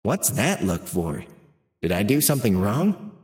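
A man's voice: lowish voice, sing-song, measured pace, a little mellow. A man voicing a small, cheerful and naive male training robot in a storybook reading; guileless and chatty, catching himself when he says too much. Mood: cheerful, innocent. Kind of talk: storybook narration with voiced characters.

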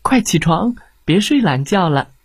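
A mother in a children's storybook, fussing one moment and soothing the next, heard in a high, sing-song voice as a male narrator puts her on. Her lines come slowly and huskily, and the pitch leaps about with lively swoops. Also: breathy edge, no room sound, exaggerated voice. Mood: scolding. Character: adult mother, alternately nagging and tender.

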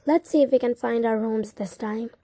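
A woman's voice: on the high side, moderate pace, no room sound, studio quality. Woman voicing an easygoing young man. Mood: relaxed. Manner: relaxed, offhand. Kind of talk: audiobook character voice.

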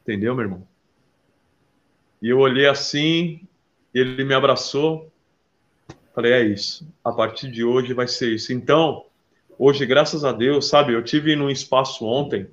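A man, a street artist, telling his story earnestly in an interview, jumping between lively bursts and soft, quiet asides. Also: mid-range voice, a little slow, long pauses, muffled recording. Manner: earnest, calls the listener "my brother". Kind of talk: animated personal storytelling.

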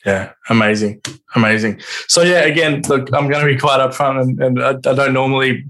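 A man's voice: medium pitch, a little fast, a bit bright. A man hosting a casual podcast interview who laughs easily and asks rambling questions. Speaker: podcast host.

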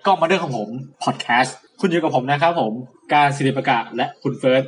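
A man's voice: a little high, quick pace. A man co-hosting a casual podcast, chatty and teasing, often laughing as he talks. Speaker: podcast co-host.

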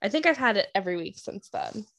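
A woman's voice: mid-range voice, animated, fast, a bit bright. A young woman co-hosting a casual podcast, giggly and rambling with fillers. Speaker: podcast co-host.

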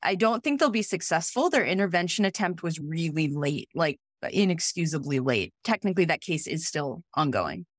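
A woman on a podcast, a legal expert guest explaining laws in a relaxed, conversational way. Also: deep voice, normal speed, hardly any pauses, dry recording, clean studio sound.

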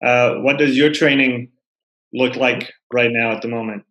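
A man's voice: mid-range voice, fairly even intonation, measured pace, pushed and bright, dull audio. A man hosting an interview, a personal trainer himself, asking long questions and repeating words as he forms them. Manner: searching, repeats words while forming questions. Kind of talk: conversational interviewing. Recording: roomy echo.

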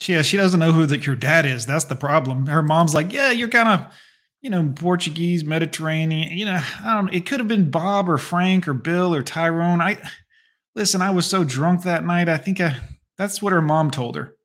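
Blunt, crude man mocking loudly. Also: fairly high pitch, moderate pace. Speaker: commentator reacting to a radio clip. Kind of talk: profane reaction commentary.

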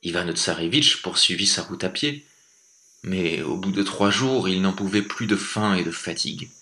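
A man narrating a fairy tale in a rhythmic, expressive reading with chanted refrains. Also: low-pitched, moderate pace, a little hiss or hum. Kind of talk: storybook reading. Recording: echoey room.

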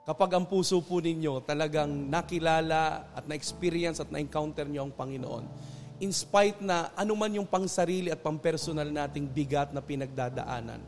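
A Filipino man, a pastor, giving an earnest, preacherly testimony that slows for emphasis. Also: on the high side, soft background music. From Philippines. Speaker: pastor, interview guest. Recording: long hall reverb.

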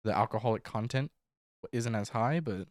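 A young man co-hosting a casual podcast, relaxed and matter-of-fact as he recounts events. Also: on the low side, moderate pace, no echo, clean studio sound. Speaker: podcast co-host. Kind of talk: casual chat.

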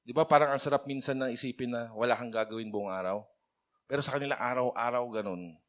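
A man's voice: mid-range voice, fast talker. A man giving a casual, conversational sermon, mixing English phrases into his talk and calling on listeners by name. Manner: chatty, mixes English phrases into his speech. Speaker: preacher.

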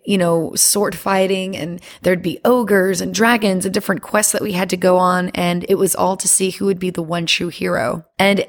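A woman chatting as a podcast guest, bubbly and quick to laugh. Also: fairly low pitch. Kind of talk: casual podcast chat.

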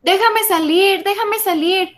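A woman's voice: high voice, fairly even intonation, moderate pace, lightly acted. A woman playing a desperate trapped goddess with urgent pleading in a myth podcast. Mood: desperate shouting. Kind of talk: acted myth retelling for podcast.

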